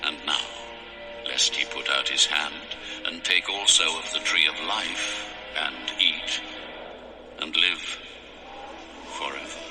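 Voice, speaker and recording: Deep, slow, stern voice of God. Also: male voice, over music. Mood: solemn. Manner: solemn, slow, weighty pronouncements. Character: God, stern, commanding male deity passing judgment. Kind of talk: dramatized audio scripture acting.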